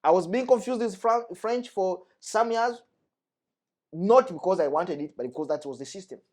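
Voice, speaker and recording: As a guest in an earnest discussion, a young Congolese man from the DRC stresses his views and repeats his main points. He speaks at a moderate pace in a high, expressive voice that is a little mellow.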